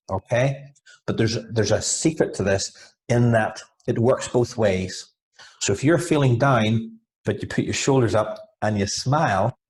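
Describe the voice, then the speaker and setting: A man's voice: mid-range voice, slight background noise. A man, a hypnotherapist guest on a video-call interview, explaining at length with frequent repeats and restarts. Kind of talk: casual interview over video. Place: home, over a video call.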